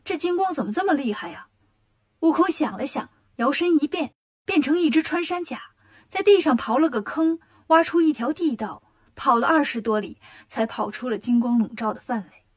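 High, lively woman storyteller. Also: moderate pace. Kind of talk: children's story narration.

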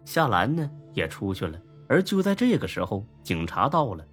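A man narrating an urban novel as an audiobook, telling it in a lively, wry storytelling manner. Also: on the low side, normal speed. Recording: faint background music.

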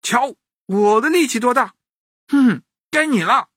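A man voicing a boastful young rooster boy in a storybook, brash and loud. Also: very high voice, expressive, a little slow, breathy edge, no echo, studio quality, voice pushed up, exaggerated voice. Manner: brash, shouting challenges.

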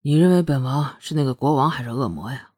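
A woman's voice: a bass voice, fast talker, dark tone, no room sound, clean studio sound, pitched below the performer's own voice. A woman reading a storybook and voicing a proud, self-assured young male prince who speaks in a lazy but confident tone. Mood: drawling, confident. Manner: lazy, casual yet confident tone.

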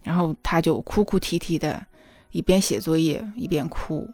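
A woman's voice: low voice, moderate pace, mellow, dry recording, faint music behind. A woman in her thirties, a mother telling a personal story in an earnest, emotional, confiding way, often checking in with the listener. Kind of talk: confiding spoken monologue.

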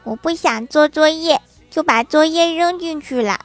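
Woman doing a squeaky, cheeky little schoolgirl. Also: moderate pace, soft background music, close to an everyday voice. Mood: indignant.

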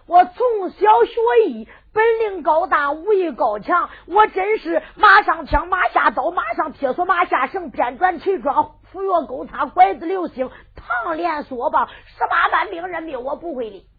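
A woman with a Henan accent voicing a boastful, defiant young male hero, speaking more quietly and mockingly. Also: very high-pitched, lively intonation, measured pace, few pauses, exaggerated voice. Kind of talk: sung storytelling with dialogue. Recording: tinny lo-fi recording with faint fiddle music.

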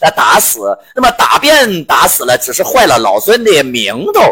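A man voicing a cocky, clever male monkey king in a storytelling commentary, talking quickly and defensively. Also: on the high side, wildly swooping pitch, bright, forceful tone, husky, full character voice. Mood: boastful.

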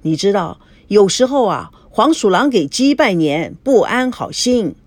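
A woman's voice: mid-range voice, very animated, unhurried, no echo. A woman voicing a jealous, sullen young man arguing with his friend in a storybook reading. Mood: resentful. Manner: tense and sullen.

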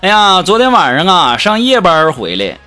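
Man, comic storyteller, very lively pitch, music in the background. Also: normal speed. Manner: cheeky, animated, laughing at his own jokes. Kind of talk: humorous monologue. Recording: music behind the voice.

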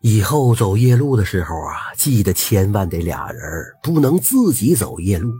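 A man, telling a folk tale in a lively, intimate way with drawn-out particles. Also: on the low side, faint music behind. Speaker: storyteller. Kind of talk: oral folk storytelling.

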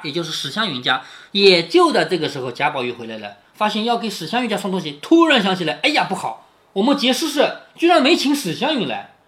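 Brief: chatty male storyteller-commentator, bright and animated, keeps asking "right?". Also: sits high. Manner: conversational, asks rhetorical questions. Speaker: father reading and explaining a classic novel to his daughter.

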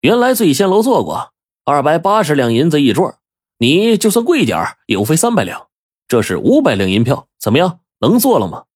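A man's voice: medium pitch, wildly swooping pitch, a little fast, husky, voice pushed up. A man storyteller voicing a bold, sly older male beggar who talks back with cocky confidence. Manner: cocky, mocking.

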